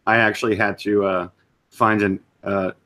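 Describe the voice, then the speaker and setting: A man's voice: lowish voice, level tone, normal speed, bright, forceful tone. A man chatting casually on a stream, dropping dry joking asides. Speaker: stream chat guest.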